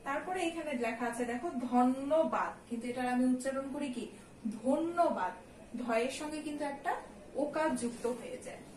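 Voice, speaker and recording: A woman, a college teacher, giving a recorded lesson. She explains slowly, step by step, and keeps checking in with her students. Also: high voice, a little mellow. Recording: echoey room, distant mic, faint ambient noise.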